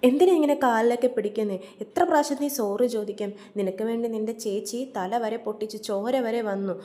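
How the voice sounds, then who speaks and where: A woman voicing a kind, protective husband who gently scolds and advises. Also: sits high, quick pace, natural voice. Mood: advising. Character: kind elder-brother husband, calm and protective.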